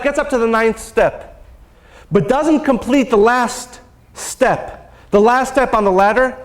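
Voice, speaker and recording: A man teaching a spiritual seminar, telling a story and drawing a lesson, earnest and repeating phrases for emphasis. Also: extremely high pitch. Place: lecture hall.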